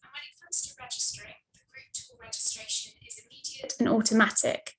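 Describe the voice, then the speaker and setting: A woman giving a steady, scripted slide presentation over a video call, her mic cutting in and out. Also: high-pitched, a little fast, vocal fry, a little hiss or hum, rough recording. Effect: video call audio, mic cutting in and out. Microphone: computer mic on a video call.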